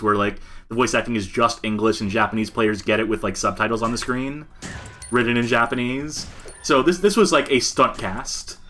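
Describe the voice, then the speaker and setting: A man's voice: mid-range voice, bright, forceful tone. A man co-hosting a podcast, giving casual commentary as he plays a game and explaining its mechanics in detail. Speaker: podcast co-host. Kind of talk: casual commentary over gameplay.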